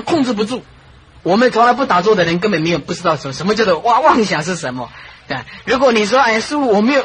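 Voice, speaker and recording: A Buddhist monastic teacher giving a dharma talk, telling stories in an animated way, with frequent chuckles and repeated phrases. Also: mid-range voice, slight background noise, low-quality recording.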